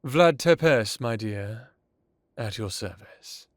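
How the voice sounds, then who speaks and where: A man playing Dracula, an ancient vampire with a wry, commanding, measured and theatrical delivery in an audio roleplay. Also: medium pitch, expressive, no echo, clean studio sound. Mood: wry, teasing. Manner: measured, theatrical, formal with dramatic pauses. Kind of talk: dramatic audio roleplay acting.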